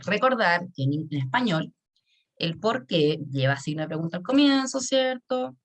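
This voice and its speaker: A woman with a fairly low voice gives an online English lesson. She explains things patiently, goes over the key points again, and keeps making sure her students are keeping up.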